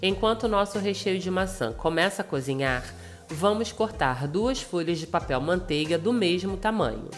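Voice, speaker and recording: A woman's voice: fairly low pitch, lively intonation, moderate pace. A Brazilian woman hosting a cooking channel, politely narrating a recipe step by step in a thin, reedy voice cracked by flu. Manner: polite, instructional address to viewers. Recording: music behind the voice. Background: music.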